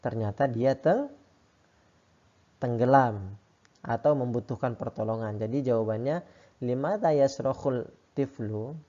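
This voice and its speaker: A man teaching a lesson, reading each phrase slowly and then explaining it quickly. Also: medium pitch, mellow. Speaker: Arabic teacher. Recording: dull lo-fi sound.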